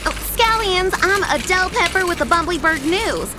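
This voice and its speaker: A woman's voice: very high voice, animated, moderate pace, over music. A woman voicing a dramatic female pepper news reporter with a breathless, over-dramatic delivery.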